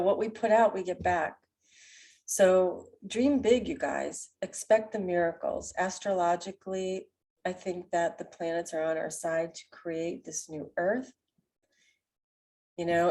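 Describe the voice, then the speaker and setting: A woman with a nasal, stuffy voice, giving a spiritual card reading in a gentle, meandering way with many pauses. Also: deep voice. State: sick with a cold. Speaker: oracle card reader.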